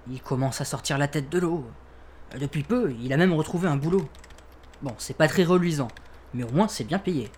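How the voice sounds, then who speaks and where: A man's voice: fairly high pitch, moderate pace, a little mellow, a little hiss or hum, natural voice. A man playing a flustered, exasperated young insurance broker being questioned. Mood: confiding. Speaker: suspect under interrogation. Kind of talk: comedy sketch acting.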